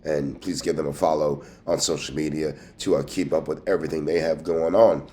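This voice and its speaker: A sports team news show host with a dark bass voice talks briskly and with fairly even intonation, keeping the commentary casual and folksy. He has a cold and a scratchy throat, so he comes across as congested and nasal, as if pinching his nose.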